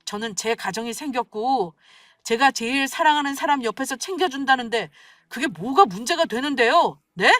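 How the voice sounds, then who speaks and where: A woman's voice: high-pitched, expressive, moderate pace, fairly bright tone, no echo, clean studio sound, pitched above the performer's own voice. A woman voicing an earnest, protective young husband in a radio story, speaking firmly and defensively. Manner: firm, pleading, defensive. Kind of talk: scripted radio story acting.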